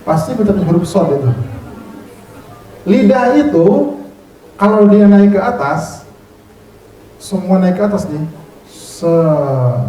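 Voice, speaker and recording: A man's voice: high voice, mellow. A man teaching Quran recitation rules to a class, counting them in, drilling terms and teasing them with praise. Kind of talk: classroom tajwid lesson with call and response. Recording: echoey room from far off, noisy crowd.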